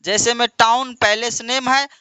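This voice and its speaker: Man teaching grammar with high, bright voice. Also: steady tone, clear, resonant tone, no echo. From India. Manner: asks questions and answers them himself, drawn-out repetition; addresses students as "my dear". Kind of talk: classroom lesson with call-and-response drills.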